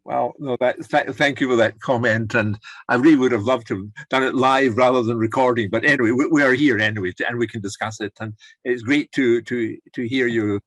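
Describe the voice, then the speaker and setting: A man's voice: medium pitch, steady tone, fairly quick, fairly bright tone, no room sound. An older man leading an online course, chatting encouragingly over a video call and rambling with restarts. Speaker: course leader. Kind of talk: casual chat on a video call.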